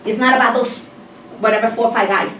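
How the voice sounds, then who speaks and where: Speaking up from across an indoor seminar room with tables, this Mexican engineering professor in the audience is emphatic and insistent, gesturing throughout her passionate comment. She talks fast in a high, fairly bright voice with a steady tone, heard distantly through a far camera mic with faint noise.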